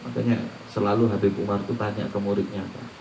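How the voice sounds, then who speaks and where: A man's voice: lowish voice, little pitch movement, fast, vocal fry, a little mellow, distant mic, slight background noise. A man giving an Islamic sermon, quoting Arabic recitations and asking the listeners rhetorical questions. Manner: mixes Arabic recitation with colloquial teaching, asks rhetorical questions. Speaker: preacher. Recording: roomy echo, voice off-mic.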